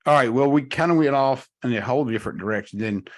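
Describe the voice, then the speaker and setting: A man's voice: mid-range voice, quick pace. A man with a mid-range voice hosts a casual podcast conversation. He speaks candidly and conversationally with his guest. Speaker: podcast host.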